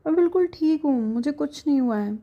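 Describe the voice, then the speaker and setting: A woman's voice: a little high, fairly even intonation, highs cut off. A woman storyteller voicing a feisty young wife who insists she is fine. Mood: sulky. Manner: insistent, brisk.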